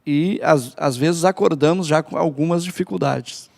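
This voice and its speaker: A man's voice: a little high, normal speed, creaky, darkish tone. A man from Brazil on a church family-ministry podcast, talking in a hesitant way with many fillers and restarts. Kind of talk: casual church podcast talk.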